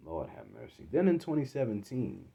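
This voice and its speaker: A man from Philadelphia hosting a solo sports podcast, exasperated, swinging from loud outbursts to low muttering. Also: big pitch swings, a little fast, gravelly, slightly rough. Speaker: podcast host.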